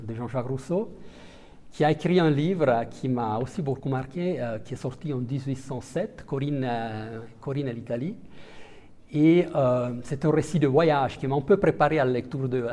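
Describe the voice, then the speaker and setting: Answering interview questions, this hesitant diplomat speaks in a mellow male voice of medium pitch. He comes from Italian-speaking Switzerland, with Italian as his first language, and his speech is full of fillers and restarts.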